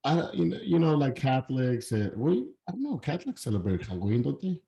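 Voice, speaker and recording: A man's voice: mid-range voice, very animated, fairly quick, creaky, warm tone. A man co-hosting a casual podcast chat while sick with a sore throat, trading laid-back, defensive banter with his friend over a video call. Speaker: podcast co-host.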